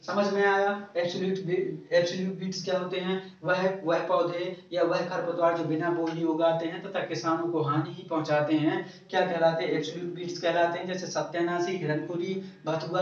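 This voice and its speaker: A man gives an agriculture exam-coaching lecture, asking the class questions and answering them himself while repeating key terms. His voice is on the high side, fairly even in intonation, at normal speed with few pauses. The room is echoey and the mic distant and lo-fi.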